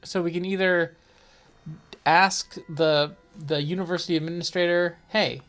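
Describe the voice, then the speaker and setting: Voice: mid-range voice, fairly even intonation, normal speed, a bit bright, faint music behind. A co-host reading aloud the narration of a horror game and breaking off for joking asides.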